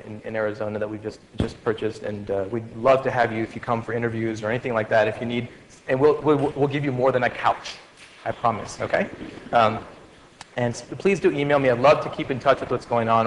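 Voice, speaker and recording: A man's voice: mid-range voice, fairly even intonation, a little fast, slight background noise. A man in his forties giving a farewell lecture to medical students, conversational and joking, with many fillers and restarts. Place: lecture hall. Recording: reverberant lecture hall with faint ambience.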